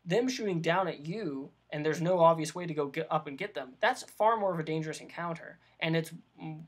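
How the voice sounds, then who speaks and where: Brief: male vlog host, light higher voice, loose unscripted talk full of fillers, camera mic. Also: fairly quick, husky. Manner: rambling, many ums and restarts. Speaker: vlog host giving dungeon master advice. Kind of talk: casual unscripted explanation.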